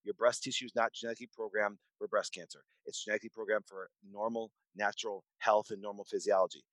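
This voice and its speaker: A man's voice: fairly low pitch, little pitch movement, fast talker, a bit bright, dry recording, low-quality recording. A man in his forties speaking as a doctor in an interview, emphatic and repetitive, often restarting his sentences. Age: 40s. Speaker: podcast guest, doctor. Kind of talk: conversational interview storytelling.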